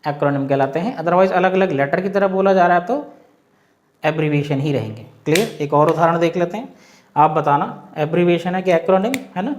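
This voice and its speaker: A man's voice: fairly high pitch, lively intonation, darkish tone, lo-fi sound, slight background noise. Man teaching grammar step by step. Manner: explains step by step, asks the class rhetorical questions; spells out letters slowly. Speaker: English teacher. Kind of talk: classroom-style grammar lesson.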